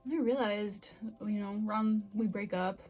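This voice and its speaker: A woman's voice: mid-range voice, moderate pace, darkish tone. A woman in her twenties chatting casually and candidly to the camera in a self-reflective, confessional way. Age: 20s. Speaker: vlogger.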